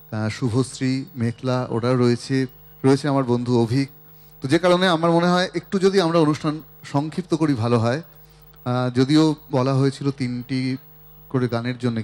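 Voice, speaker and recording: An older man with a hoarse voice from a cold, chatting from a festival stage and urging the audience to clap along. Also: medium pitch, darkish tone. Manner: chatty, coaxes the crowd to clap. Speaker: singer and stage performer. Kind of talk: live stage talk to an audience.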